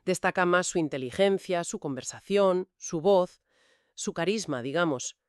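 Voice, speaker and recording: A mid-pitched voice, neither high nor low, walks through history in a calm, explanatory way. This co-host lists points one after another in a relaxed podcast chat. The recording is dry and close. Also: unhurried, clear, resonant tone, no room sound.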